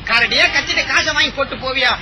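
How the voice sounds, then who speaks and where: A man's voice: very high voice, fast, sharp tone, some chatter behind, slight background noise, heavily acted. A man playing a nosy, chummy friend who asks blunt, teasing questions, in a comedy audio drama.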